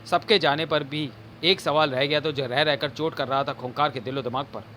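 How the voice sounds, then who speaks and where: A man's voice: a little high, fairly even intonation, moderate pace, bright, forceful tone, a little hiss or hum. A man narrating a horror comic in a theatrical, suspenseful storytelling style. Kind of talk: dramatic audio comic narration.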